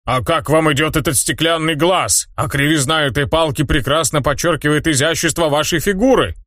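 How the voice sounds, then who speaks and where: A sly game-world mayor, as a male narrator voices him, heaping on smooth, overdone compliments. The voice sits a touch higher than the narrator's own and is recorded dry and close. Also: fairly quick, dry recording, close to an everyday voice. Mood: flattering. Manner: smooth, exaggerated flattery.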